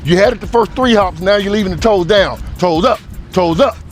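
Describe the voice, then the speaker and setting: Man in his fifties, speed coach calling drills outdoors, slightly high voice, light music underneath. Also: fairly quick. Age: 50s. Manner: counting out drill rhythms, instructive and upbeat.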